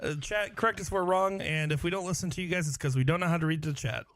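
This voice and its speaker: A man's voice: fairly high pitch, fast talker, a bit bright, no room sound. Dry-sounding man giving match updates. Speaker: darts commentator. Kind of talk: casual live commentary and updates.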